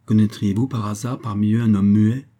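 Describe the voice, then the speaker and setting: A man reading aloud and voicing a weary, courteous imprisoned gentleman who questions gently. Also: fairly low pitch, fairly even intonation, a little fast, dull audio, natural voice. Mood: anxious.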